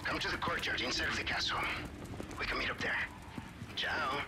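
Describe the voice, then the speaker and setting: A man voicing a suave, breezy rogue ally in a video game, jaunty and smooth-talking. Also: mid-range voice, brisk, lightly acted. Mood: breezy, friendly. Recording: clear game noise behind.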